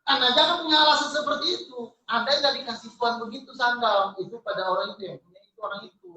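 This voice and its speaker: A man preaching a lively, joking sermon to his congregation, calling out to them. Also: very high voice, very fast. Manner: lively, jokey preaching with congregation call-outs. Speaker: pastor. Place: church hall. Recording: echoey church hall from far off.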